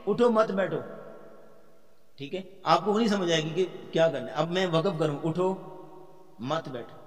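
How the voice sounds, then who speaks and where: Man teaching in a reverberant hall. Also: sits high. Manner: explains step by step, asks the class questions, chants verses slowly. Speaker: Quran teacher. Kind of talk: tafsir lecture.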